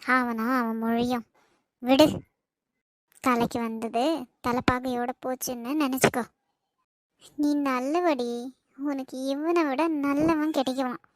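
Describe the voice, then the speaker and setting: A woman voicing a blunt but caring young friend in a cartoon, brisk and comforting, in Kanyakumari Tamil. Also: high-pitched, steady tone. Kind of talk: cartoon voice acting.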